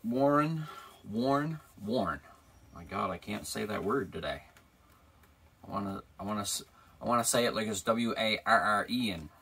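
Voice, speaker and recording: Gravelly man chatting to camera. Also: on the low side, a bit bright. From Newfoundland, Canada. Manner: chatty, joking, talks straight to the viewer. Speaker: DIY motorcycle vlogger. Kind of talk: casual how-to narration to camera.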